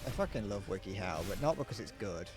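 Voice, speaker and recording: A young man streams a game and chats casually over music, rambling, putting himself down and trailing off mid-sentence. His voice is fairly low and expressive, and he talks quickly.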